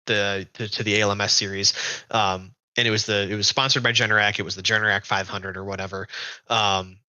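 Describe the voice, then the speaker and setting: Bright, dry-voiced man telling racing stories. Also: lowish voice, brisk, clear, resonant tone, dry recording. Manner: rambling, animated anecdotes with restarts. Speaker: guest racer. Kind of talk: casual storytelling on a podcast.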